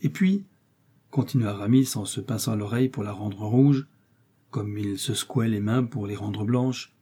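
Male audiobook reader, husky voice, mellow dark tone, measured narration. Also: on the low side, steady tone. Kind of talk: scripted narration.

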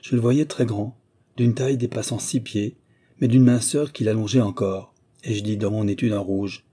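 A man narrating a literary audiobook in a measured, even reading. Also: lowish voice, breathy edge.

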